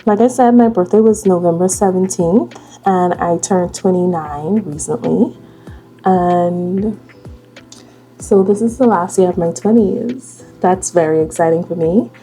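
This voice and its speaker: A Bahamian vlogger in her late twenties does her makeup during a casual get-ready-with-me chat, talking slowly and easily. Her medium-pitched voice is gravelly and mellow, and soft music plays faintly in the background.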